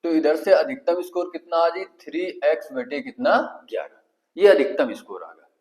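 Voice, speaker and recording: A man's voice: on the high side, big pitch swings, moderate pace, darkish tone, low-quality recording. A man with a Kanpuri Hindi accent teaching an exam-prep math lesson, asking the class questions and answering them himself step by step.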